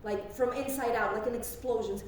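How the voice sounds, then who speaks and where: A drama coach with a voice on the high side speaks at normal speed with fairly even intonation, giving instruction and modelling classical monologue lines for others to repeat. The echoey room, distant mic, faint noise, and crowd noise mark the recording.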